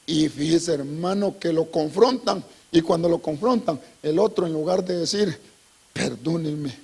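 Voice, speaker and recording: A male pastor preaching a sermon in a church, who breaks into sudden shouts and dramatic acted dialogue and keeps calling out "hermano". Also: fairly high pitch, unhurried, gravelly, husky.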